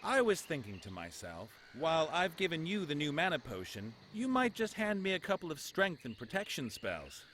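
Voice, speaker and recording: A man voicing an eager, chatty adventurer in a fantasy video game, casual and expressive. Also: on the high side, moderate pace, hardly any pauses, slight background noise. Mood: cajoling. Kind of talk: video game character acting.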